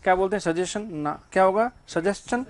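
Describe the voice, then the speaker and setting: A man's voice: sits high, moderate pace. A man teaching English grammar to a class. He keeps asking the students questions and then answers them himself.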